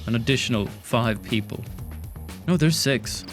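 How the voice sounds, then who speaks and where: A man's voice: mid-range voice, measured pace, faint music behind. A man reading scripted gameplay narration in a dry, sardonic manner. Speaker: gaming channel host.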